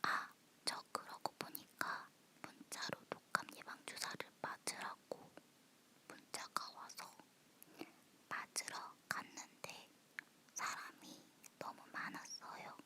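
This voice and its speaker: A female ASMR host leans in close to whisper softly, chatting about personal things at an unhurried pace. Her breathy tone is crisp and bright.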